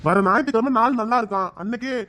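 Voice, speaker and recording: A performer voicing a gentle, devout old grandfather in a cartoon, speaking slowly and kindly, a little away from the mic. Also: mid-range voice, pitched below the performer's own voice, lightly acted. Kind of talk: cartoon voice acting.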